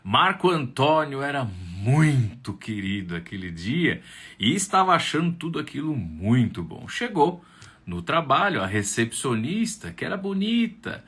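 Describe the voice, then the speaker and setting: A man with a Brazilian Portuguese accent, a camp storyteller telling a tale aloud in an animated way with tag questions. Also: medium pitch, measured pace, breathy edge. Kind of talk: oral storytelling.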